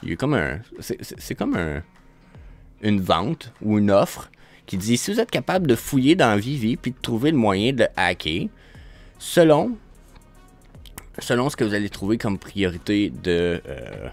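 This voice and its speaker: A man with a Québécois French accent hosts an online show in a low voice. He rambles through his commentary, stumbling and restarting often. Faint music plays behind him. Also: big pitch swings, moderate pace, vocal fry. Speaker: show host. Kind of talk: casual screen-share commentary.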